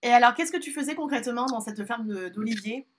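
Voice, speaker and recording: A woman's voice: fairly high pitch, fast. A French woman hosting a podcast, asking questions in a casual interview and backing the guest with short replies. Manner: encouraging, with frequent short backchannels. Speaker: podcast host.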